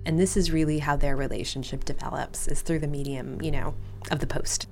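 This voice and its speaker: A woman professor speaks in a low voice, explaining things casually and with engagement, using loose phrases as she goes. Soft music sits underneath her words. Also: steady tone, fairly quick. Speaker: professor, interview guest. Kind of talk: interview answers.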